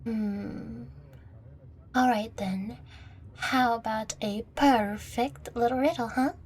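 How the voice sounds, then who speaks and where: A woman plays a coy, teasing young catgirl girlfriend, playful and affectionate, in an audio roleplay, staying close to the listener with a breathy voice. Her pitch is fairly high, her intonation fairly even, and she speaks slowly with a slightly mellow quality.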